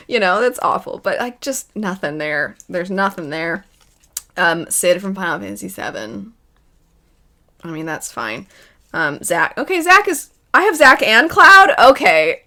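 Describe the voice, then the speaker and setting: A bright, forceful, mid-range voice belongs to this woman hosting a video, casually playing a pick-one game with video game characters. She weighs her options aloud, wavering and self-deprecating.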